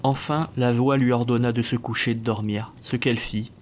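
A man reading a dark fantasy story aloud as narrator, steady and measured. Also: medium pitch, a little hiss or hum. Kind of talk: scripted narration.

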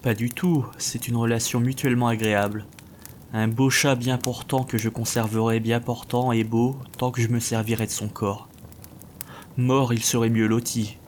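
A man reading aloud, voicing a contemptuous bodiless male spirit that speaks slowly and commandingly. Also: medium pitch, little pitch movement, a little hiss or hum, lightly acted. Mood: stern. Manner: scornful, slow and commanding.

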